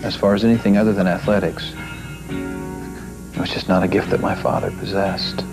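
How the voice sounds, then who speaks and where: A man speaking in a measured, matter-of-fact way in a reflective documentary interview clip. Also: low-pitched, level tone, vocal fry, rough recording. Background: guitar music.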